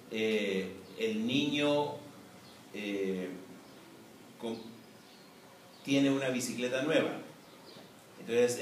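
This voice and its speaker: A man as a professor giving a recorded class lecture, explaining in a measured way with frequent "eh" and "¿no?" tags. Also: on the low side. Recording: echoey room, distant mic, faint noise.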